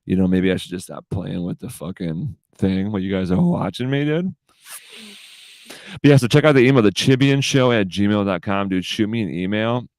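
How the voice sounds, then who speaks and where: A man's voice: fairly low pitch, moderate pace, darkish tone, no echo. A man in his thirties hosting a casual solo podcast, rambling and swearing with "dude" in every line. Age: 30s. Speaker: podcast host.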